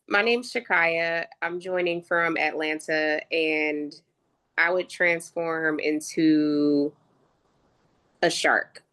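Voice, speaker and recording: A woman with a lowish voice speaks slowly on a group video call. She sounds a little unsure of herself. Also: fairly even intonation, fairly bright tone, clear, resonant tone.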